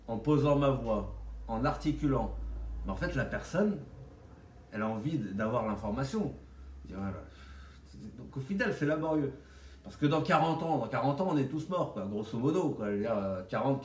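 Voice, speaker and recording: A man's voice: mid-range voice, slight background noise. Man with a slight lisp, echoey and distant. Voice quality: slight lisp, whistled S sounds. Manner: blunt, slangy, rambling. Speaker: vlogger. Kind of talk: casual vlog monologue. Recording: roomy echo, distant microphone.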